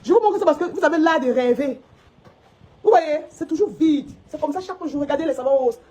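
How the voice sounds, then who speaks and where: A woman's voice: sits high, expressive, a little fast, mellow, poor audio. A woman who owns a shop, giving a heated, scolding monologue to her followers and repeating her points indignantly. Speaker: shop owner vlogging.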